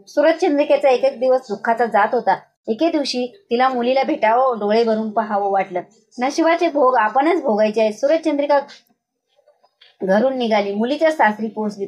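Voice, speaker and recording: A woman's voice: on the high side, darkish tone, dull audio. Woman narrating a devotional tale. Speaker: storyteller.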